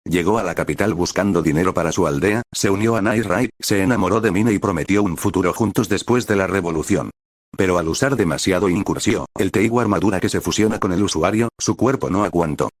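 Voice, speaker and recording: A man narrating a scripted reaction story in a flat, even reading voice. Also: sits low, fairly quick, no echo, clean studio sound. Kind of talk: scripted narration reading stage directions aloud.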